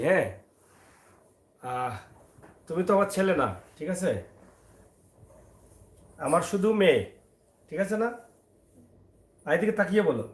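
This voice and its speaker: In a relaxed family vlog, a father from Sylhet, Bangladesh speaks in a voice that's fairly high for a man. He alternates between gently coaxing and teasing his young son and chatting with his audience.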